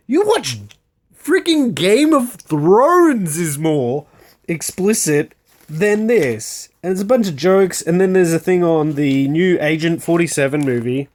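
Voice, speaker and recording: Slow, exasperated, emphatic ranter. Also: medium pitch, a little mellow. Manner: exasperated, emphatic, repeats phrases, halting; blunt, swearing. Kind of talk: unscripted opinion rant to camera.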